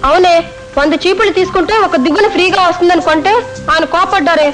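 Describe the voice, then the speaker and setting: A whiny young daughter. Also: female voice, very high-pitched, fast talker, loud music behind the voice. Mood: whining.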